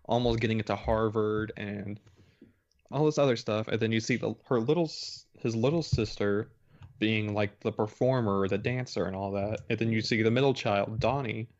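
A man co-hosting a casual film review podcast, recapping the plot in rambling, halting sentences. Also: on the low side, a little mellow. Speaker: podcast co-host. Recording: dull lo-fi mic.

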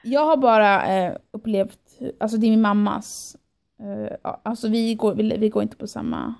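A young woman guesting on a podcast tells a story in lively detail during casual chat, acting out what she and others said and slipping into English phrases. Her mid-range voice is creaky, and her storytelling is animated as she quotes herself and others.

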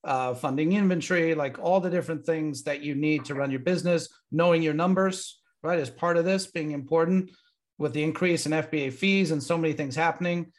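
This man's fairly high voice moves briskly as he hosts a podcast, introducing a guest and putting questions to him. His manner is enthusiastic and upbeat, casual, and full of ums.

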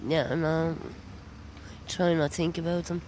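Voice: medium pitch, little pitch movement, slow pace, a little mellow, slight background noise, poor audio. A person interviewed outdoors on a street, answering bluntly and tersely.

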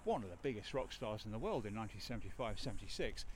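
A man's voice: fairly low pitch, big pitch swings, rapid-fire. A man hosting a walking tour, talking in a rambling, enthusiastic way with lots of fillers. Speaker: podcast host and tour guide. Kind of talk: chatty walking-tour talk. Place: busy city street outdoors, walking. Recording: loud traffic and building noise.

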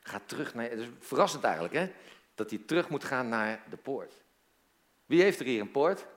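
A man's voice: medium pitch, sing-song, normal speed. A man preaching a sermon as pastor, telling a story and engaging listeners with questions, often repeating words as he goes.

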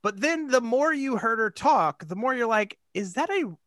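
Podcast co-host, male: high and bright, dry close sound, loose rambling delivery full of "like". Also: animated, moderate pace, dry recording. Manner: rambling, filler-heavy, laughs easily. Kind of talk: casual chat.

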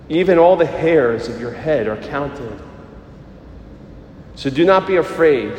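Man, priest, sermon, measured delivery, echoing church, long reverb. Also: medium pitch, a little hiss or hum. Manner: measured, slowing down for emphasis. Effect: echoing church acoustics. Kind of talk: gospel reading and sermon. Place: large church.

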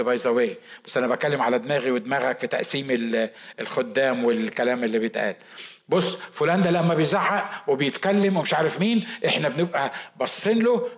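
A man with an Egyptian Arabic accent, preaching a Bible study sermon in a lively, talkative way with asides and mock quotes. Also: on the high side. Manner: says he shouts and talks fast. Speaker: pastor.

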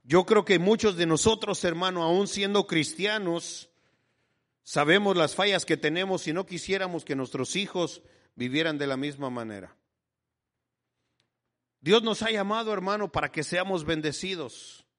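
A man preaches with fervor, leaning on "brother" as he drives each point home. His voice sits on the high side for a man. It rings out with a long reverb, like a church hall. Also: normal speed, a bit bright. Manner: fervent preaching, addressing listeners as brother constantly. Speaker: pastor. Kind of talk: sermon.

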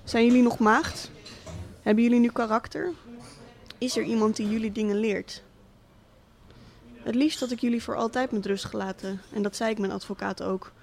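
A woman's voice: fairly high pitch, steady tone, moderate pace, vocal fry, long pauses, a little mellow. A woman reading as a sardonic absent tycoon father. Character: cynical rich middle-aged father, absent tycoon. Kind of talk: literary monologue reading.

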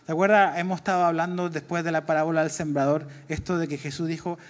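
Conversational pastor preaching. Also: male voice, on the high side, little pitch movement, fast talker. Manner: conversational, asks the congregation questions. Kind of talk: sermon.

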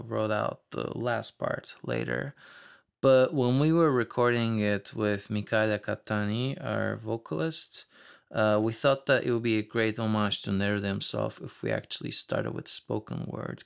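Turkish musician guy being interviewed, low n smooth voice, lots of fry. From Istanbul, Turkey. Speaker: guest musician, composer and producer. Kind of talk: interview talk about his music. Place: home studio.

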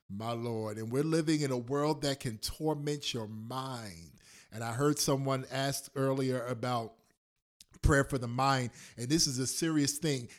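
A man preaching as pastor on a prayer call, quoting scripture and building to fervent, emphatic repetition. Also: mid-range voice. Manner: rising into fervent, shouted emphasis, repeating lines; quotes and explains scripture.

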